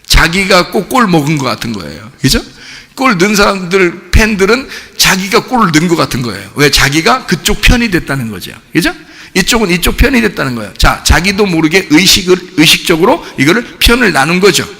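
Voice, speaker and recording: A man preaching a sermon as pastor, playful and animated, acting out cheering crowds to make his point. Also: sits high, brisk, vocal fry. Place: church sanctuary. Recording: church hall with long reverb.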